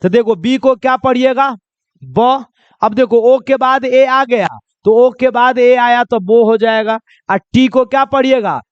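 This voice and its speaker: In a classroom-style lesson on pronunciation rules, a man with a very high-pitched, clean voice speaks a little slowly, drilling his listeners with repeated quiz questions and calling them children. The recording has no echo but sounds dull.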